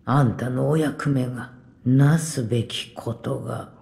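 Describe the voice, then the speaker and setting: A woman voicing a weary, blunt but kindly old village woman in a game cutscene, speaking gruffly and unhurriedly with soft whispered asides. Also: a bass voice, measured pace, exaggerated voice.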